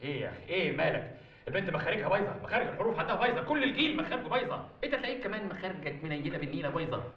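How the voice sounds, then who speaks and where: A pompous, fussy Egyptian Arabic teacher who hammers every consonant and scolds his pupil in a high, swooping voice. He talks fast and sounds a little distant in a roomy space. The audio is dull comedy-film sound. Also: sing-song. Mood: quarrelsome. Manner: over-enunciates letters, lectures and scolds. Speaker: Arabic tutor.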